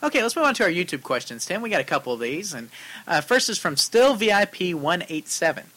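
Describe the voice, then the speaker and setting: A man co-hosting a casual arcade-repair podcast, reading out listener questions and chatting in a lively, talkative way, with his voice starting to go. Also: high-pitched, fast talker. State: losing his voice. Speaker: co-host answering viewer questions on arcade repair.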